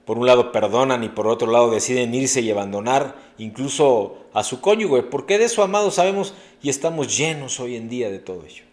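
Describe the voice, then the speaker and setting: A man's voice: mid-range voice, animated, brisk, hardly any pauses. A middle-aged man preaching a sermon as a pastor, earnest and preacherly, with sudden emphatic rises.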